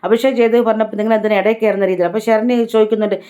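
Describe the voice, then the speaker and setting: A woman's voice: a little high, steady tone, racing, warm tone, smooth. A woman vlogger giving a chatty, casual recap of a reality show episode, retelling who said what. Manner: chatty, tag-heavy retelling.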